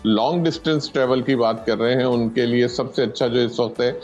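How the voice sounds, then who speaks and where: A man, an astrologer explaining predictions on a TV show in a measured way with many hesitations. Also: mid-range voice, fairly even intonation, a little mellow, lo-fi sound, faint music behind. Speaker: astrologer guest.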